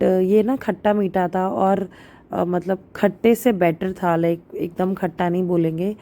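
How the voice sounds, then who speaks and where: A woman's voice: on the low side, mellow. A young woman chatting casually as she narrates her vlog, with many fillers and English words mixed in. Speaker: vlogger.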